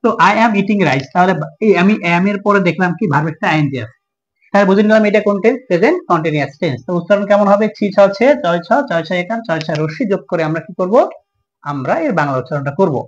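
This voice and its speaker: A man's voice: sits high, fast, dull audio. A man with a Bangladeshi Bengali accent teaching an English grammar lesson, asking questions and answering them himself.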